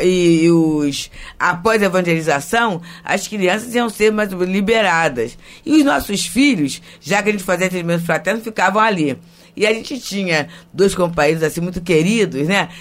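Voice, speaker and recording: Woman medium, reflective storyteller, measured and teacherly. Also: fairly low pitch. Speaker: spiritist medium and guest.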